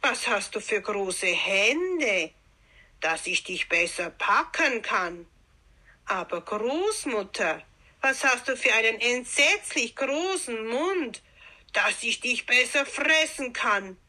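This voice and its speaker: A woman's voice: fairly high pitch, very animated, slow pace, pushed and bright, exaggerated voice. A woman voicing a sly, greedy male wolf in a fairy tale who talks in a falsely friendly, coaxing way. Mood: menacing.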